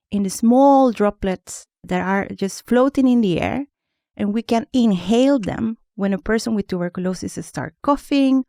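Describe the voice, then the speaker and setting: A woman's voice: medium pitch, darkish tone, dry recording, studio quality. A woman, a microbiologist explaining things carefully as a podcast guest, with small restarts. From Honduras. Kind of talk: podcast interview.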